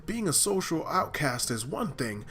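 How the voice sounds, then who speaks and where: A man with a fairly high voice reads a game's story aloud, acting out the lines and breaking off now and then for joking asides. Faint music plays under him. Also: big pitch swings, measured pace, sharp tone. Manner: dramatic reading broken by joking asides. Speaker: gaming channel host. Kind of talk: reading a visual novel aloud with asides.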